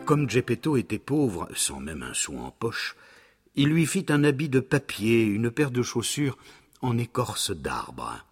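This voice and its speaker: A man narrating a children's story in a dramatic storybook manner, slowing down for suspense. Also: medium pitch, huge pitch swings. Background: soft background music.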